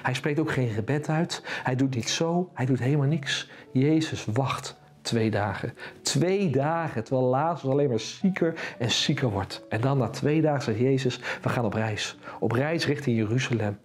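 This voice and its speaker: A man telling a Bible story to children in an animated way, with fillers and the odd self-correction. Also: medium pitch, moderate pace.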